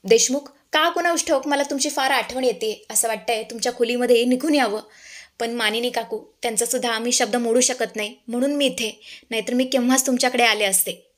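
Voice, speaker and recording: Casting: a woman playing an emotional young bride, high and pleading. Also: steady tone, fairly quick, close to an everyday voice. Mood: longing.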